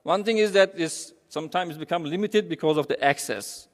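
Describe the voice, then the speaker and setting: Speaking informally for a humanitarian charity, a Turkish man with a Turkish accent addresses an audience in an echoey hall with long reverb. His voice runs a bit high, and his speech is halting and rambling, with repeated phrases.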